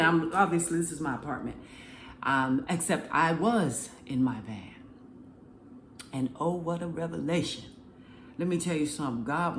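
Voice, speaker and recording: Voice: mid-range voice, echoey room, a little hiss or hum. A faith vlogger giving a casual, earnest spoken testimony, rambling and emotional, recorded at home in an apartment.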